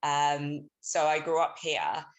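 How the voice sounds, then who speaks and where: A woman's voice: low voice, slow pace. A woman in her thirties, originally from Somalia, calling in remotely to a book talk and making her points with many ums and restarts. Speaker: audience caller. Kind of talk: casual remote question.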